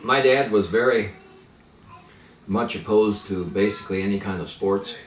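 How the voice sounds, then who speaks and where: An older man whose first language is Pennsylvania Dutch reminisces in conversation as an interviewee, speaking in a low, halting voice full of fillers and restarts. The recording is echoey, with the mic placed at a distance and faint noise in the background.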